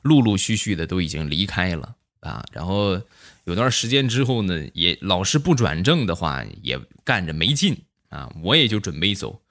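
A man's voice: low-pitched, very animated, normal speed, a bit bright. A man telling comic anecdotes in a chatty way, full of tag questions. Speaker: stand-up storyteller. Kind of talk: comic monologue of short anecdotes.

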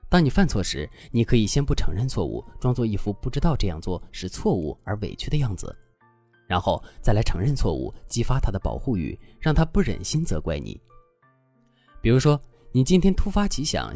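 A man giving dating advice in scripted, instructive narration. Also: fairly low pitch. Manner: instructive, expressive.

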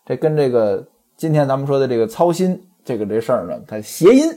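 A man's voice: medium pitch, lively intonation, a little fast, mellow. A man retelling and commenting on a classic novel in a chatty way, often turning to speak straight to his listeners. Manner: chatty, addresses listeners directly. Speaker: storyteller and commentator.

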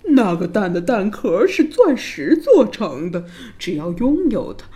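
A woman voicing a loud, greedy and cruel old king who bellows his words. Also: wildly swooping pitch, extremely slow, heavily acted. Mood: bellowing. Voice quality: booming and shouting. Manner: bellowing with harsh laughs.

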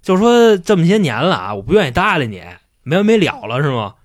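A man's voice: a little high, big pitch swings, fairly quick, no echo, studio quality, voice pushed up. A man doing an aggrieved heavenly king. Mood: indignant. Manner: aggrieved, scolding. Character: indignant middle-aged male heavenly king, grumbling.

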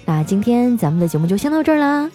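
Lively woman host reading jokes. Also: fast, soft background music. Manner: animated, laughing at punchlines, jumps high for quoted lines. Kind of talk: lively joke reading with put-on voices.

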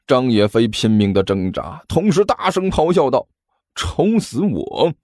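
A man narrating a comic audiobook story in a lively, theatrical storytelling manner. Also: mid-range voice, moderate pace, no room sound, studio quality.

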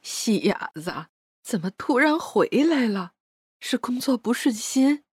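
A woman voicing an elderly grandmother in an audio drama, tender and worried, talking slowly with heavy sighs. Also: a little high, sing-song, breathy edge, dry recording, studio quality, exaggerated voice. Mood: coaxing. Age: older. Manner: slow, coaxing, sighing.

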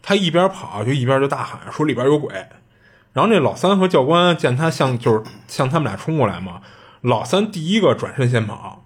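Podcast host, male, husky voice, rapid conversational storytelling. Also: mid-range voice. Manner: chatty, animated retelling with frequent fillers. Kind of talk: casual storytelling.

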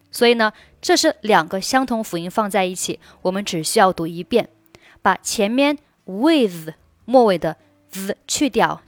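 A woman teaching English pronunciation, whose first language is Chinese, explaining in Chinese and repeating short English phrases slowly for learners to copy. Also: mid-range voice, no room sound. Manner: slow, deliberate repetition of phrases for learners to copy. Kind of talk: pronunciation lesson with repeated drills.

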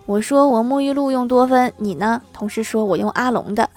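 Woman storyteller, slightly high voice, playful comedic delivery with wry asides. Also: fairly quick, darkish tone. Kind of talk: reading out funny anecdotes.

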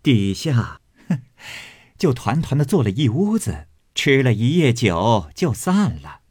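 A man reading as a quick-tongued teasing noblewoman. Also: medium pitch, big pitch swings, a little mellow, husky, dry recording, clean studio sound. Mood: playful. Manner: playful, mock-solemn storytelling. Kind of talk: audiobook reading of a classic novel.

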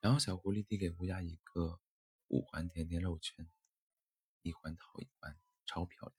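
Deep husky man telling a story. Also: fairly even intonation, moderate pace. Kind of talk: bedtime story narration. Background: faint music.

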